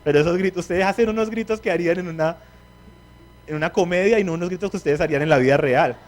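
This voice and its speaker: Male preacher, higher voice, animated teacher who quizzes his congregation and acts out quotes. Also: quick pace. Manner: acts out the quoted speech of biblical figures. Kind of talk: sermon.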